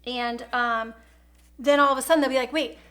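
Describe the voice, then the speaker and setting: Bright high-voiced woman chatting at home. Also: fairly even intonation, fairly quick. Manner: chatty and rambling, laughs often. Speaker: host of a live painting stream. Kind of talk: casual chat while painting.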